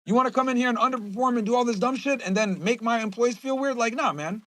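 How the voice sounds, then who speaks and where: A young man hosting a podcast, venting to his audience in a heated, profanity-heavy rant. His voice sits very high and he rattles the words out quickly. The sound is dry and close, with little room around it. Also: fairly bright tone, dry recording, rough recording. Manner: heated, profane, repeats himself. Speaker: podcast host. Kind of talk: casual rant to viewers.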